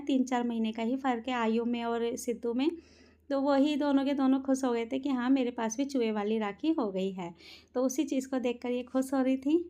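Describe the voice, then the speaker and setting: Chatty high-voiced woman vlogger, slightly hoarse. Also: a little mellow, lo-fi sound. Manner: chatty, rambling, frequent fillers. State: sore throat, slightly hoarse. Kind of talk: casual voice-over narration.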